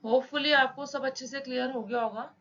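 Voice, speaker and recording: A woman's voice: high-pitched, fairly even intonation, a bit bright. Woman teacher. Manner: reads English rules slowly, then explains in mixed Hindi-English. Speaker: shorthand teacher. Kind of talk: explaining lesson with examples. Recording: slightly dull with faint noise.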